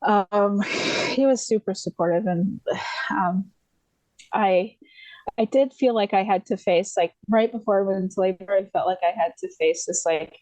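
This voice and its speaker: A podcast guest from the USA tells her story in a casual, meandering way, stopping and restarting her sentences and filling gaps with little ums. Her voice is medium-pitched. It sits close and dry, with no room sound around it. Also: normal speed, darkish tone, no echo, rough recording. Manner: rambling, many fillers and restarts; laughs lightly while telling.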